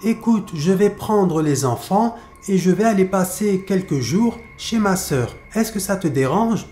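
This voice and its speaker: A man's voice: high-pitched, expressive, unhurried, mellow, roomy sound, slight background noise. A man storyteller voicing a scheming wife who coaxes and insists, hiding her fear. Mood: anxious. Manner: insistent, coaxing.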